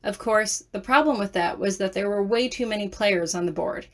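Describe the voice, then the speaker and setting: Soft-spoken woman narrating a fan story. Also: mid-range voice, moderate pace. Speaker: audiobook narrator. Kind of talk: second-person fan fiction audiobook narration.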